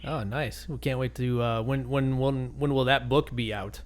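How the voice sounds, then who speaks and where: A middle-aged man hosting a casual podcast interview, chatty and easygoing, tossing in quick affirmations. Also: mid-range voice, steady tone. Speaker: podcast host.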